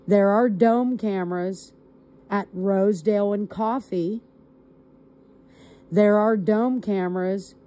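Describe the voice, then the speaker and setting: This recorded call features a woman of medium pitch and mellow tone, giving law enforcement a deliberate, emphatic, step-by-step account of events.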